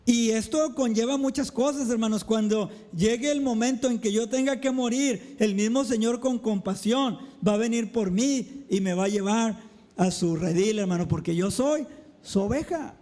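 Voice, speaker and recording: A man preaching a sermon as a pastor, calling the congregation brethren over and over, speaking slowly with emphatic drops in his voice. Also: extremely high pitch, warm tone. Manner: preaching with repeated address to the brethren; slow, emphatic delivery with dramatic drops. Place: church.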